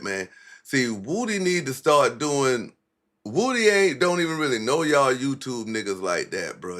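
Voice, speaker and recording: A man's voice: mid-range voice, sharp tone. Blunt, profane man ranting on a livestream. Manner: blunt, profane, mocking street talk. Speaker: livestream commentary host. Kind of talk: casual livestream commentary.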